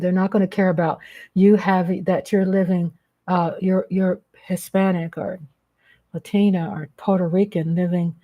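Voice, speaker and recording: A woman's voice: lowish voice, darkish tone. A woman hosting her own live-stream vlog, speaking off the cuff in a blunt, emphatic way with casual swearing. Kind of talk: unscripted live commentary.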